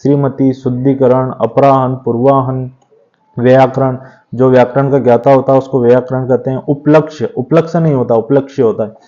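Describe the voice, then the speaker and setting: A man teaching an exam revision class, explaining steadily and often checking in with a quick tag question. His voice is mellow and relaxed, at an ordinary pitch. The recording sounds somewhat dull and lo-fi. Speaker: Hindi grammar teacher.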